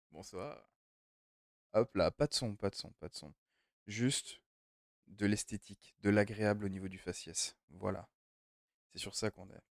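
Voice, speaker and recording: A man's voice: medium pitch, darkish tone, no echo. A young man streaming a game from home, chatting loosely and rambling as he answers his chat. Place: home room.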